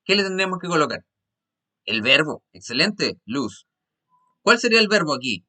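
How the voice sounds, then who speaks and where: Teaching English online, a Chilean man patiently walks his students through each step, often pausing with "¿ya?" to make sure they understand. His voice is bright, a bit high for a man, with big pitch swings, and he shifts between Spanish and slowly spoken English when giving examples.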